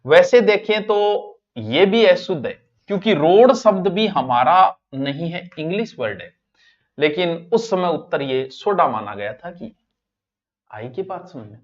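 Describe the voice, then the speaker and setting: A male teacher with a Rajasthani accent, running a lively exam-prep spelling class and teasing his students in local dialect. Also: on the high side, a little slow, highs cut off.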